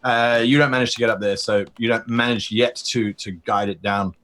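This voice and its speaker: A man's voice: lowish voice, fairly even intonation, moderate pace, fairly bright tone. A man running a tabletop game as game master, narrating scenes vividly with a few fillers.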